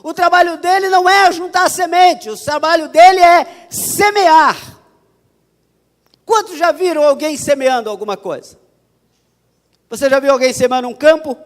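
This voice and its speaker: Male pastor, Paulista accent, emphatic sermon, repeats phrases, very high voice, long church reverb. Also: normal speed. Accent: Paulista Portuguese. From São Paulo, Brazil.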